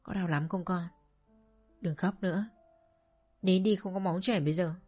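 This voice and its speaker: A broken father, quiet and choked, blaming himself for his family's ruin, as a woman narrator voices him. His voice sits low and subdued, with soft music playing underneath. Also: fairly even intonation, moderate pace, natural voice. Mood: remorseful, tearful. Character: remorseful poor father, middle-aged man.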